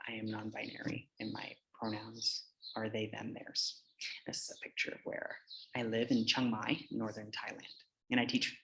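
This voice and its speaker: An American teacher gives an informal slide presentation at a conference, speaking in a conversational, hesitant manner. His voice is fairly low and gravelly with a fairly bright tone, and the recording is rough.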